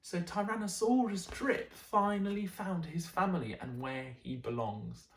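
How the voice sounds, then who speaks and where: Teacher-type woman, expressive bedtime storyteller, roomy echo. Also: lowish voice, measured pace. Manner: expressive, adds gentle asides.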